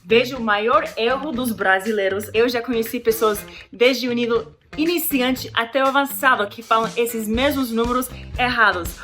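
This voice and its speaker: American lady teaching english, kinda high voice, chatty and upbeat, music in the background. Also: normal speed, few pauses. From United States. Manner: lively, chatty, with colloquial fillers. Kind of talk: YouTube lesson.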